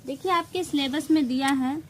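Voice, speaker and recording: A woman's voice: high voice, moderate pace, slight background noise, rough recording. A woman teacher with a Hindi accent giving an exam-prep grammar lesson, explaining step by step, stressing key terms and mixing in English words.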